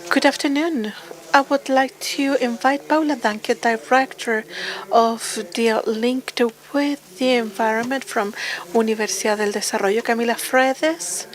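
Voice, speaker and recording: A woman working as a live conference interpreter, delivering speech in halting, piecemeal phrases. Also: fairly high pitch, poor audio. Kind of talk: simultaneous interpreting.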